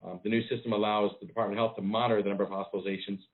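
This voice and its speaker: A man, a public health official giving a briefing over a conference call phone line, measured and pausing with frequent ums. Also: fairly low pitch, little pitch movement. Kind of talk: press briefing.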